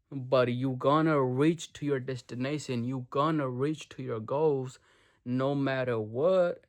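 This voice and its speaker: Slangy young man talking motivation. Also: mid-range voice. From Nepal. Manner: slangy, swears, calls viewers bro. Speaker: vlogger. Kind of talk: casual motivational talk to camera. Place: his bedroom.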